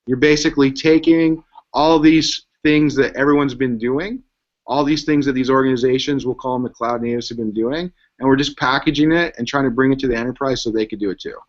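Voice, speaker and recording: A man with a mid-range voice talks through tech ideas in a relaxed, conversational way. The audio is dull and lo-fi. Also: mid-range voice. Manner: quick, conversational, fond of "like" and "right". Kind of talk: casual tech panel chat.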